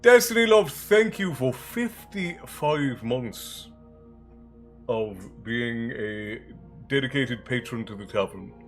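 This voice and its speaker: Speaking slowly at medium pitch with lively intonation, a man hosts a livestream full of joking, casual chat and name-by-name greetings to viewers. He's still a little congested, with a mild chesty cough. Soft music plays behind him.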